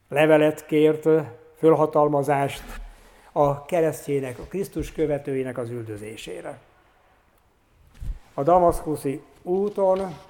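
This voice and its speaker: Male pastor, sermon, somewhat high voice, hesitant earnest delivery, long church reverb. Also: darkish tone. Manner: earnest preaching with pauses and hesitations.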